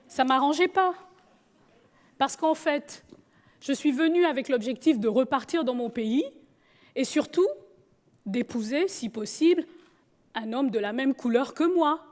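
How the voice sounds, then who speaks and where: A woman from Gabon, telling her life story with humor. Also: high-pitched. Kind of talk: personal storytelling talk.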